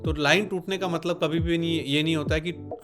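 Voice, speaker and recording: A man talking through stock picks in a casual, chatty way. His voice sits a bit high for a man, and he calls the listener "bhaiya" and mixes in English phrases. Music plays clearly behind him. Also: steady tone, a little fast. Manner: explains with everyday comparisons. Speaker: stock market analyst and channel host. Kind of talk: casual market commentary to viewers. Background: background music.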